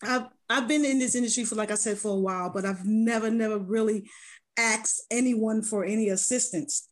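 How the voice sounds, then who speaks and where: Slightly hoarse woman producer, earnest. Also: a little high, steady tone, fairly quick. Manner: rambling, self-correcting, earnest. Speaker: music producer and manager. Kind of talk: casual interview talk.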